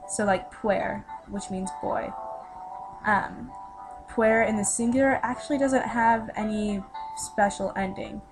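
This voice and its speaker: Speaking slowly at medium pitch, a teen girl walks through a student lesson step by step in a chatty casual voice-over full of fillers. Music runs behind the voice-over, and the audio quality is poor.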